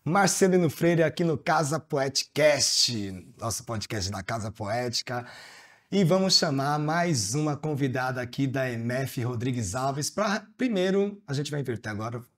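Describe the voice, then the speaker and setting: A man's voice: medium pitch, expressive, moderate pace. A man hosting a podcast live in a theatre, chatting with guests in a casual, encouraging way. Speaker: podcast host. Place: theatre stage with live audience.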